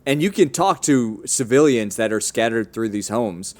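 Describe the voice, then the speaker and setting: Animated man recapping a video game. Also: medium pitch, moderate pace. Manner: animated storytelling, acts out game characters. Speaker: podcast co-host. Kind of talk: casual gaming podcast chat.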